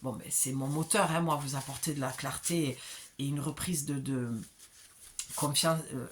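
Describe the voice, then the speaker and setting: Lady doing an oracle card reading, low voice, chatty, talks right at you. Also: steady tone, moderate pace, slight background noise. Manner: chatty, addresses viewer directly, self-mocking.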